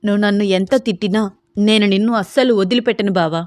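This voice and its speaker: Narrator as stubborn young heroine, pleading, defiant, dry mic. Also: female voice, medium pitch, quick pace, darkish tone, no room sound, natural voice. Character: stubborn devoted young woman, cousin.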